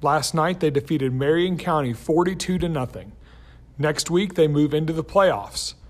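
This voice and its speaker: A man reading out a school's morning announcements in an upbeat, clear, scripted way. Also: fairly high pitch, normal speed.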